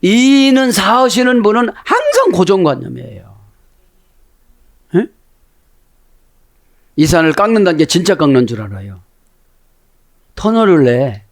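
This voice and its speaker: A man's voice: sits high, measured pace, pauses often. A male pastor delivering a sermon, often checking in with his listeners with short questions and acting out voices. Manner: animated, constantly prompting the congregation with "에?"; acts out quoted voices within the sermon.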